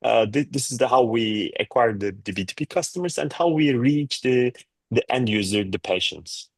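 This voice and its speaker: A man, a startup founder answering a panel's questions on a video call, halting with many restarts. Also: medium pitch, animated, dry recording. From Turkey.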